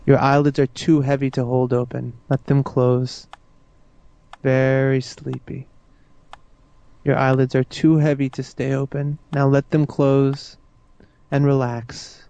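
A man guiding a listener into hypnosis with slow, soothing, repetitive suggestions. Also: mid-range voice, level tone, dark tone, dull audio. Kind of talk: guided hypnosis induction.

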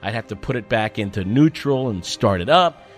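A man telling a personal story as a monologue, in an animated, profane and self-mocking way. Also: lowish voice, moderate pace, soft background music.

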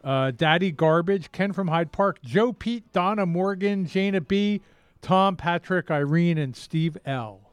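A man's voice: sits high, unhurried, clear, resonant tone, no echo. A man co-hosting a radio fundraiser in casual banter. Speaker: radio co-host.

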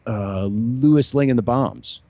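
A man's voice: mid-range voice, slow pace, mellow, no echo. A man talking casually as a musician and podcast host, rambling with many fillers and restarts. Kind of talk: casual chat.

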